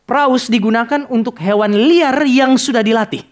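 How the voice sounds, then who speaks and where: Speaking straight to his congregation, a pastor delivers a sermon full of stories whose dialogue he acts out. He has a voice that sits high for a man and keeps a moderate pace.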